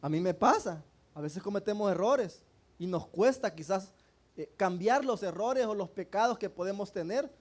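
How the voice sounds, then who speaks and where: Male preacher, high pitch, call-and-response sermon style in church. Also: animated, moderate pace. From El Salvador. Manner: asks the congregation rhetorical questions and often calls them brothers.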